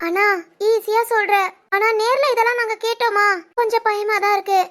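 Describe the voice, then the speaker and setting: A woman voicing an anxious young college girl talking to her older brother in an animated drama, with a Tirunelveli Tamil accent. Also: very high-pitched, moderate pace. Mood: pleading. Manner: fretful, pleading.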